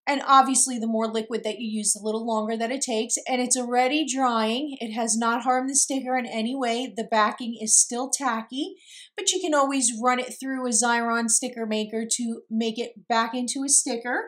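A woman's voice: fairly high pitch, steady tone, moderate pace, fairly bright tone. A woman from New York chatting casually as she unboxes craft mail, gushing and laughing often. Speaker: craft vlogger.

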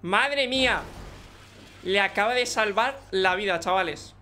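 Excitable young Spanish man, high bright voice, gaming commentary over faint background noise. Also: measured pace. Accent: Spanish from Spain. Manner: excitable, joking, talks to teammates. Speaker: gaming YouTuber. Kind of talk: live gameplay commentary.

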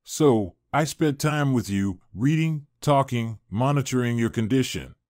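A man's voice: medium pitch, measured pace, dry recording, clean studio sound, lightly acted. A man voicing a shy, apologetic young man. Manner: soft and apologetic.

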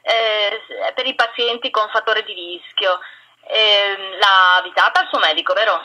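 A woman talks over the phone with a bright, clear-cut edge. She is polite and explanatory, sounding like office staff on a routine call. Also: medium pitch, steady tone, normal speed, lo-fi sound. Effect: telephone sound. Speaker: prank caller posing as clinic staff. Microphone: telephone line.

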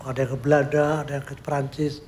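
An older man recalling his work in a documentary interview, an animated storyteller who acts out what he remembers. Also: medium pitch, quick pace, a little hiss or hum. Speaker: sculptor recounting his work.

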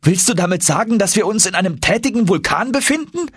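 A man voicing an anxious, excitable young man who asks in high, alarmed bursts. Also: fast, breathy edge, no room sound, clean studio sound. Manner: high, alarmed, pressing questions.

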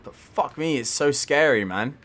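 A man's voice: medium pitch, animated, a little slow, a bit bright, slight background noise. A young man giving let's play commentary on a desktop mic, swearing a lot with jittery nervous laughter. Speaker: gamer.

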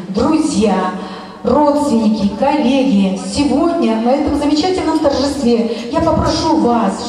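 A woman's voice: high-pitched, dark tone, recorded from a distance. A middle-aged woman hosting a wedding, announcing and giving toasts in an emphatic, declamatory manner into a handheld mic in a banquet hall. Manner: declamatory, emphatic, pausing between phrases. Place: large indoor banquet hall. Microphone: handheld microphone through PA, filmed from afar. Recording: echoey banquet hall PA, music behind.

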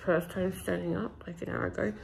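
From a small hospital room, a woman in her twenties vlogs her recovery in bed on a phone held at arm's length, with the noisy room audible. Sore and tired, she chats casually, her words stiff and muffled by a swollen jaw with ice packs. Her darkish voice is on the low side, steady, slightly fast, with vocal fry.

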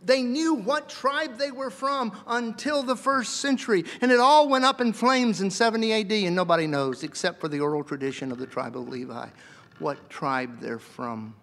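A man giving a seminary lecture in a lively, joking way, sometimes acting out voices. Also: high-pitched, normal speed. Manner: lively, jokey, acts out voices. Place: lecture hall. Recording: reverberant lecture hall.

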